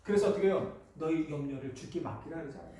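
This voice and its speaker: A man's voice: on the high side, lively intonation, fast talker, mellow. A man preaching a Sunday sermon in a church, asking the congregation questions and answering them himself. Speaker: pastor. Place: church sanctuary. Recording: echoey church hall from far off.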